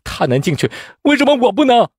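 A man doing a poor, desperate young scholar in a storytelling performance, voice pushed up high into strained, indignant outcries. It sounds husky and dry, set close to the mic. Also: very animated, fast talker, no echo, heavily acted.

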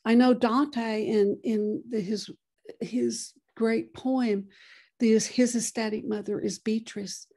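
Lady lecturing, lots of ums and restarts, warm mellow voice. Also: a little high, fairly even intonation. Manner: halting, many restarts and fillers. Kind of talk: lecture presentation.

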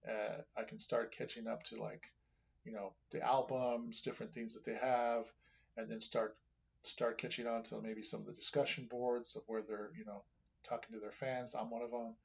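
A man reacts to a music video for his viewers, chatting casually and rambling with eager enthusiasm. His voice is rough and gravelly with a breathy, husky edge. The recording sounds dull and lo-fi. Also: medium pitch, flat delivery, moderate pace.

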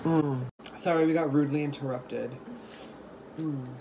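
A woman's voice: low voice, fairly even intonation, moderate pace. A woman chatting casually and giggling while she eats on camera for a mukbang video. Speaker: vlogger. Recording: loud background noise.

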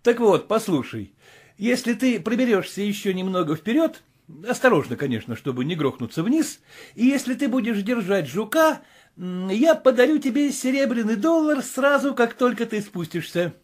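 A man voicing an excitable, obsessed gentleman who exclaims urgently and shouts orders. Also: high-pitched, moderate pace, pitched above the performer's own voice. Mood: excited. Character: excitable obsessed male gentleman, feverish and commanding. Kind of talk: audiobook character voice.

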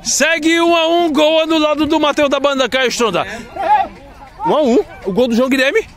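A man giving rapid play-by-play commentary on an amateur football match at night, shouting out the goals. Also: extremely high pitch, music in the background, crowd noise. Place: outdoor floodlit football pitch at night. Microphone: handheld phone camera.

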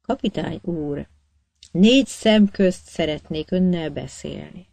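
A woman's voice: fairly low pitch, gravelly, a little mellow, no room sound. A woman reading an audiobook, voicing an earnest young woman disguised as a cabin boy. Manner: earnest, pleading.

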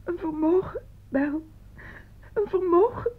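A woman's voice: high-pitched, moderate pace, close to an everyday voice. A woman playing a tearful, guilt-ridden mother. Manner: faltering, stammering. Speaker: doctor's wife. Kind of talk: 1950s-style radio drama acting. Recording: dull old radio recording.

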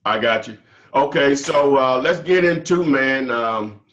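A man's voice: medium pitch, animated, measured pace, fairly bright tone, dull audio. A man hosting a podcast, asking questions in an easygoing way over a video call. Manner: easygoing, brief acknowledgments. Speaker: podcast host. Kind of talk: casual interview.

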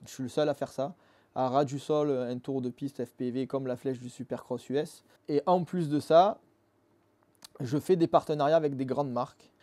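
A man's voice: mid-range voice, steady tone, normal speed, dark tone. Earnest man founder, darkish tone. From Marseille, France. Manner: earnest, explains step by step with fillers. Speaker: app founder, guest. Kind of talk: casual interview. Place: dim motorcycle workshop studio.

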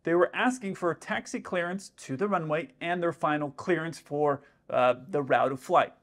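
An airline pilot in his thirties explains radio exchanges to the camera, step by step and casually, from a dim indoor room. His voice is fairly high and a bit bright, his pace moderate. He often slips in "let's say" asides.

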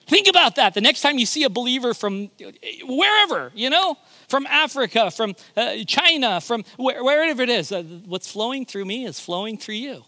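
A man's voice: extremely high pitch, sing-song, normal speed, pushed and bright, no echo. A male pastor preaching a sermon, emphatic and often repeating his words as he begins a thought.

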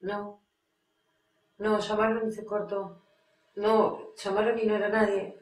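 A woman's voice: mid-range voice, little pitch movement, unhurried, roomy sound, recorded from a distance, lightly acted, low-quality recording. An actress with an Argentine Spanish accent playing an abandoned woman who pleads with her former lover over the phone, answering a caller no one else hears. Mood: hushed, pleading. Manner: speaks to an unheard caller, breaks into screams and sobs. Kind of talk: stage monologue on the phone.

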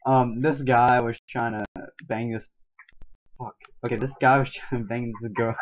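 A man's voice: mid-range voice, flat delivery, normal speed. A young man telling a rambling joke story to a friend in casual chat, laughing and swearing as he goes. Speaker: channel co-host. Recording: dull lo-fi recording.

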